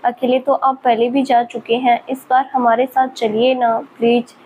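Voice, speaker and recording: A sulky, spirited young student girl with a bright, higher voice , as a storybook narrator does her. She pleads, pouts and bickers in a quick, pleading way. A faint hiss runs underneath. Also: flat delivery, lightly acted, rough recording. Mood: pouty. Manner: pleading, pouty.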